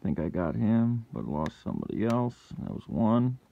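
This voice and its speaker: Gravelly and lowish, very animated at normal speed, a man runs his lockpicking hobby channel through narrow, tinny audio with slight background noise. He gives casual hands-on commentary, muttering half to himself step by step and occasionally yelling in frustration.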